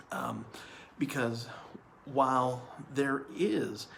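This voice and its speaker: A man's voice: mid-range voice, drawn-out words, creaky, a bit bright, slight background noise. A man working as an insurance hiring manager, explaining in an earnest monologue that repeats points and checks in with "okay?". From California.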